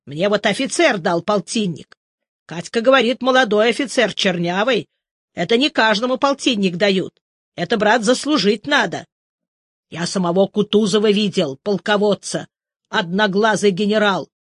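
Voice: mid-range voice, moderate pace, fairly bright tone, no echo, studio quality, natural voice. A reader voicing a proud dying old soldier. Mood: boastful. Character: old dying male army veteran, proud. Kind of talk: audiobook reading.

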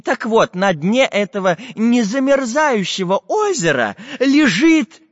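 A man voicing an excitable elderly male professor who talks in shrill, breathless bursts. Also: unhurried, dry recording, muffled recording, heavily acted. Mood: excited.

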